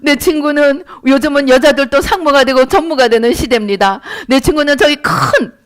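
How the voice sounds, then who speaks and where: A middle-aged woman pastor preaching a sermon and telling her own story in an animated way, acting out her prayers. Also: sits high, normal speed. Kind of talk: sermon with personal testimony.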